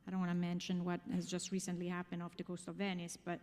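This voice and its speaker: An Italian woman presents at a conference in a large room, explaining points emphatically to the audience and frequently posing rhetorical questions. Her voice is fairly low and darkish, and she speaks fast with a completely flat delivery. The recording carries long hall reverb.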